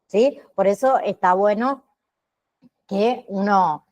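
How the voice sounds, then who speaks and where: A middle-aged woman teaching a class over a video call, at an unhurried, careful pace. She pauses often to check in with her students through frequent tag questions. Her voice sits at a medium pitch. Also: a little mellow. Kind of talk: online class lecture. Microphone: computer mic on a video call.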